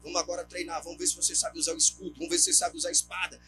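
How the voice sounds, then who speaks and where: A man's voice: on the high side, little pitch movement, racing, music in the background, lightly acted. A man voicing God as a fatherly, encouraging trainer inside a sermon, with a Brazilian accent.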